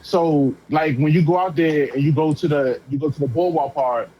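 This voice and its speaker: On a noisy phone call, a chatty man with a somewhat high voice talks at a moderate pace. He's a prospective renter and self-taught auto body painter, speaking casually in slang and repeating himself often.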